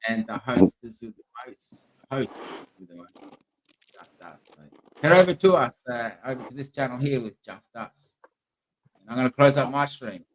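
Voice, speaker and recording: A man's voice: medium pitch, lively intonation, normal speed, poor audio. A man hosting a livestream in a casual, chatty style. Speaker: livestream channel host. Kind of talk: casual chat. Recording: faint background noise on livestream.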